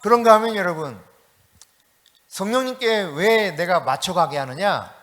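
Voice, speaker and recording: A man preaching a sermon as pastor, telling a story in a lively way and acting out the quoted voices. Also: sits high, moderate pace, in a large hall. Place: church sanctuary.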